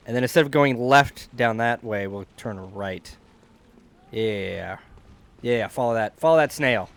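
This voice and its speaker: A man chatting casually while streaming a video game. He rambles, restarts his sentences and lets them fade off. His pitch sits in the middle. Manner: rambling, restarts often, trails off quietly. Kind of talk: casual chat.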